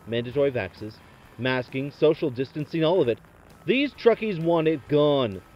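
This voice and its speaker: Deadpan man over a crackly CB radio. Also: fairly high pitch, moderate pace, dull audio. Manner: deadpan, uses trucker radio lingo. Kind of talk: comedic sketch playing a trucker on a CB radio.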